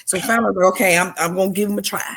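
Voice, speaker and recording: A middle-aged woman, a podcast guest, telling her testimony in an animated way and acting out the dialogue. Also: medium pitch, very fast. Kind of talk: storytelling testimony.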